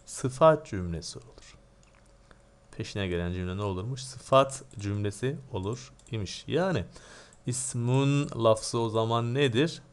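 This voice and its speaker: A man teaching grammar at an even pace. His voice sits in a middle range. He keeps asking questions aloud and answering them himself, in a quizzing tone. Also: mid-range voice, measured pace, clean tone. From Turkey. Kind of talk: grammar lesson.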